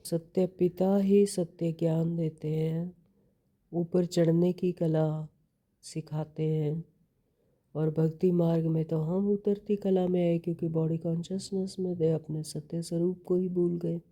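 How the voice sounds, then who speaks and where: A woman gives a devotional sermon in a low, dark, mellow voice. She speaks slowly and patiently, repeating key phrases. She poses rhetorical questions as she explains a scripture reading. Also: little pitch movement. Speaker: spiritual teacher explaining a daily scripture reading.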